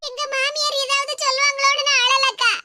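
A woman voicing a sorrowful, mistreated young daughter-in-law in an animated cartoon, speaking a southern Tamil Tirunelveli-Kanyakumari dialect in a tearful, pleading way. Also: very high-pitched, moderate pace, a little hiss or hum.

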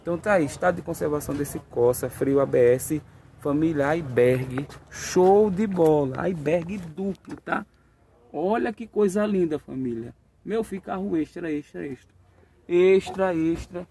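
This man's voice is fairly high, gravelly and warm, and he keeps a measured pace with slight background noise. He's a car fair vlogger filming cars for sale on an outdoor lot with his phone, giving an upbeat, hyped walkaround full of repeated catchphrases amid crowd chatter.

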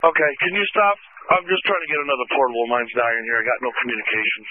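A man's voice: mid-range voice, lively intonation, fast talker. A man calling in over a police radio from an emergency scene, talking in urgent, clipped radio calls. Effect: police radio transmission. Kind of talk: two-way radio traffic. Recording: tinny radio with faint hiss.

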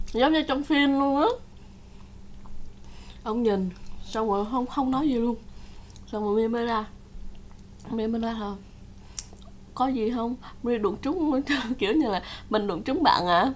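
A woman's voice: fairly high pitch, slight background noise. A woman vlogger casually telling her viewers a story, chatty, laughing often and acting out the quotes. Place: home in Canada.

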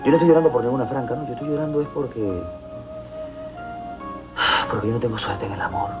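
An actor with a medium-pitched voice and a Venezuelan accent talks fast, playing a lovelorn, self-pitying comic man who rambles melodramatically. The performance is lightly acted, and the TV audio is dull with music underneath.

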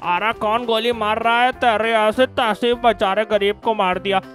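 A cheerful, carefree hero king who keeps chirping hellos, as a man puts him on for a game video. The voice sits fairly high, with faint music behind. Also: steady tone, normal speed, fairly bright tone. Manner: chirpy, repetitive greetings. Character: carefree male king hero carrying cash.

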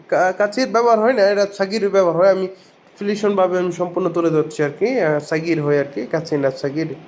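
Bangladeshi man, slightly high voice, teaching casually. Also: a little mellow. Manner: repeats each word slowly, explains plainly. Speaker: language teacher. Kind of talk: casual vocabulary lesson.

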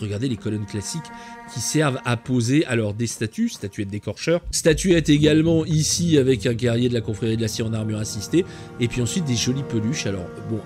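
With a mid-range, darkish voice, a game channel host leads a gameplay tour. His commentary is playful, jokey, and enthusiastic.

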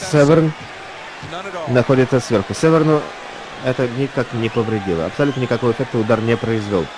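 A man's voice: medium pitch, quick pace, background noise. A man doing translated voice-over commentary on a fight broadcast, speaking as a commentator. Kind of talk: live translated sports commentary.

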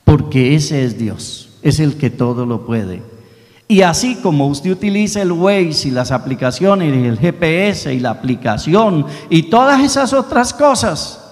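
Brief: storytelling priest with Santander accent, fairly high voice, reverberant church. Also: male voice, a little slow. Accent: Colombian Santander. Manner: folksy, lively storytelling preacher. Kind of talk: sermon with storytelling.

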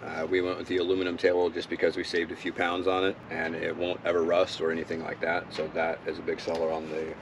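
Deep-voiced laid-back man demoing gear. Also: completely flat delivery, quick pace, hardly any pauses, a little hiss or hum. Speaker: vlog co-host. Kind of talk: casual gear demo. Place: outdoors at a riverside campsite.

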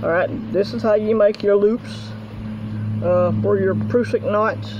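Middle-aged man, high voice, folksy rambling demo, outdoors, dull phone mic with faint background noise. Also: fairly even intonation, unhurried. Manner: folksy, rambling, talks while working with his hands. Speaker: outdoors vlogger. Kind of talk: casual hands-on demonstration. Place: outdoors in a yard. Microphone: handheld phone camera.

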